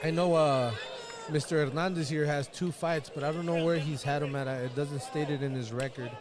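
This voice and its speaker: A man's voice: a little high, steady tone, normal speed. A man giving live commentary on combat sports as a fight commentator. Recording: live event with crowd behind. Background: crowd noise.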